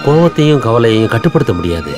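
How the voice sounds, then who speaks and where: An actor plays a calm, indulgent wealthy father in a film, with a mid-pitched voice. A film score is clearly heard behind him. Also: fast talker, natural voice. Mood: placating. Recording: film soundtrack with music.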